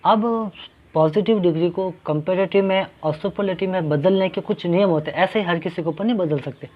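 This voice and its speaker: A high-pitched man, speaking a little fast, teaches an English grammar lesson in classroom style. He explains patiently, repeats each point, and asks questions he then answers himself, in a dull lo-fi recording.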